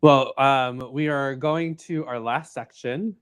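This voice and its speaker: A woman's voice: a bass voice, slow pace, clean tone. A woman hosting a conversational interview on location in a salon, supportive, with stammered restarts when she asks her questions. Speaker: podcast host, interviewer. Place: guest's nail salon.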